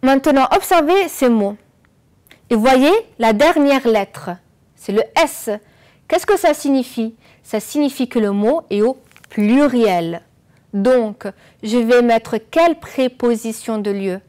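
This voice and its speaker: A woman teaching French on an educational channel, explaining slowly and clearly and asking the viewers questions. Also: fairly high pitch, darkish tone. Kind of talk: televised classroom lesson.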